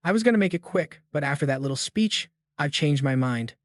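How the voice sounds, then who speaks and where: A man's voice: fairly high pitch, expressive, brisk, dry recording, clean studio sound, lightly acted. A man voicing an arrogant young male war god fighter in a recap story, smug and taunting. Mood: furious.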